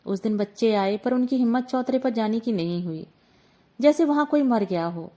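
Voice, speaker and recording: A woman narrating a short story in a measured, expressive reading voice. Her pitch sits a little above an average woman's.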